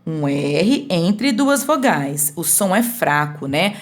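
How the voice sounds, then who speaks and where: A woman's voice: fairly low pitch, very animated. Patient woman teaching a lesson. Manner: slow, explains step by step with frequent checks for understanding. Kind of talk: remote school lesson.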